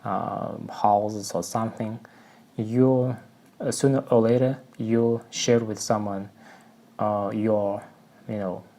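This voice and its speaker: A man with a Russian accent explains song lyrics to English learners at an unhurried, careful pace. His voice is dark and mellow, and his speech is halting as he searches for the right word and leans on fillers. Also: fairly low pitch, little pitch movement. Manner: halting, searching for words, frequent "you know" fillers.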